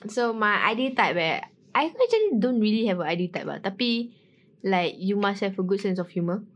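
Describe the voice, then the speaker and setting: A woman's voice: mid-range voice, sing-song, brisk. A woman with a Singaporean accent in a casual group chat, blunt and slangy, switching between languages as she talks.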